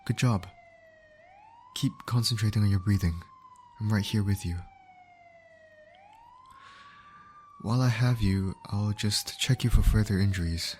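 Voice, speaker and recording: Playing a kind medic in ASMR comfort roleplay, a man with a low, natural voice calmly and reassuringly soothes an injured patient, coaxing him attentively at normal speed. Sirens and vehicles are faintly audible in the background.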